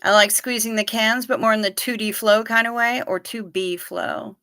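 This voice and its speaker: A woman in her fifties from the Niagara Falls region hosts a livestream, playfully reading viewer comments and answering people by name. Her fairly high voice is pushed and bright with fairly even intonation, at normal speed and with no echo.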